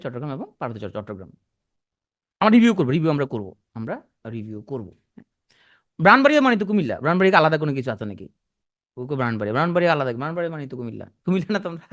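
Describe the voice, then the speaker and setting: A man teaching an exam prep class, talking quickly and repeating key points for his students. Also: medium pitch. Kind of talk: classroom lecture.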